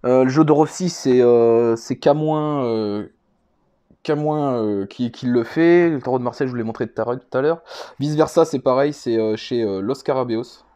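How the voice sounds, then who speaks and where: Presenting his card collection on camera, a man talks at a moderate pace in a mid-range, dark-toned voice. The show-and-tell is casual and unscripted, and he rambles hesitantly, frequently repeating himself.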